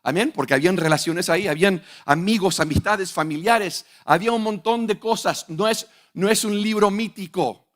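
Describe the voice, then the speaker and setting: A man's voice: sits high, normal speed, fairly bright tone. A young man preaching a sermon, emphatic and full of rhetorical questions to his congregation.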